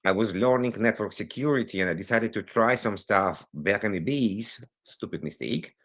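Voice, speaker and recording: Speaking non-native English, a deep-voiced man from Israel works as a cybersecurity consultant and is a guest on a remotely recorded virtual call. In this interview he tells stories animatedly, racing through some phrases and digressing.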